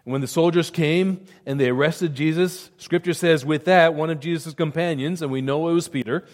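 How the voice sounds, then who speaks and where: A man's voice: on the high side, normal speed. Earnest male preacher in a reverberant hall. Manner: earnest, emphatic preaching with repeated words. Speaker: pastor. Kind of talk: sermon.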